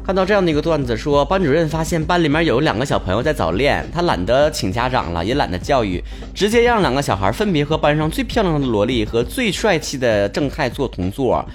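Speaking quickly in a sing-song mid-range voice with few pauses, a Dongbei-accented man runs a comedy talk show. He jokes colloquially through listener messages and fires off rhetorical questions while loud music plays beneath him.

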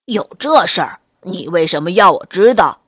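A woman voicing a big, hungry male gray wolf in a children's story, loud and blustering, slow to catch on. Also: fairly low pitch, lively intonation, husky, dry recording, studio quality, voice pushed down. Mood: gruff.

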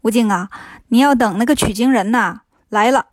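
A woman's voice: a little high, normal speed, dry recording, studio quality, close to an everyday voice. Woman voicing an obliging temple attendant.

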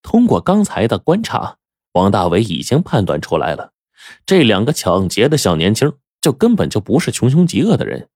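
Man, storyteller, deep voice, very animated intonation, dry close sound. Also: moderate pace, no echo. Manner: animated, acts out characters' lines with sharp pitch jumps. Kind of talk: dramatic storytelling narration.

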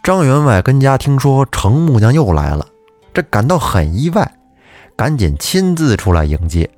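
A man narrating a folk ghost story on a podcast in a chatty, lively way, with asides to his listeners. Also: mid-range voice, moderate pace, no room sound, faint music behind.

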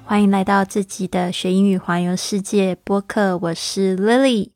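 A woman hosting a casual podcast English lesson, explaining at a chatty pace and slowly repeating phrases for practice, with Mandarin as her first language. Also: mid-range voice, steady tone, a little mellow, no echo, studio quality, faint music behind. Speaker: podcast host and English teacher.

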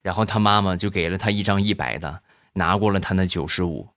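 A man telling comic stories in an animated, chatty way. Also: sits low, a little fast. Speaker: comedian telling jokes. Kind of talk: comic storytelling.

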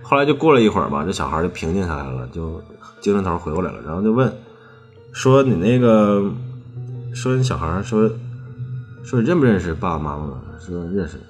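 A man's voice: deep voice, sing-song, a little fast, soft background music. A man telling a ghost story in casual chat, rambling and stringing his clauses together with "then" and repeated phrases.

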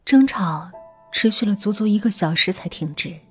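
A woman narrating a ghost story dramatically, slowing down and hushing at the tense moments. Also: mid-range voice, lively intonation, slightly rough. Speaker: storyteller host. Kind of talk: horror audiobook narration. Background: faint music.

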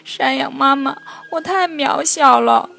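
A woman voicing a tiny young ant who wants to be a hero, in a children's storybook reading, talking high and loud with sobs. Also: a little slow, gravelly, soft background music, exaggerated voice. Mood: tearful. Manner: high, loud, sobbing and pleading.

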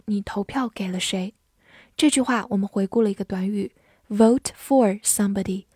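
A woman giving a vocabulary lesson, spelling words out letter by letter and reading example sentences slowly, Chinese as her first language. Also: mid-range voice, darkish tone, breathy edge, dry recording, studio quality. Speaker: English teacher.

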